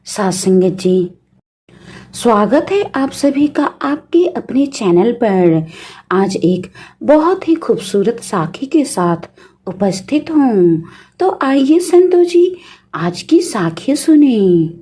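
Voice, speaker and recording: Give me a reverent woman storyteller with a mellow, lively, sing-song voice telling a devotional tale. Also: high-pitched, slow pace, breathy edge. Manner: reverent, repeatedly addresses listeners respectfully.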